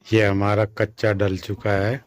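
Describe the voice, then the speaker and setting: A man with a slightly sore throat gives a slow, repetitive step-by-step sewing tutorial as a tailoring instructor. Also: lowish voice, monotone. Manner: slow, repetitive instructions addressing viewers as friends.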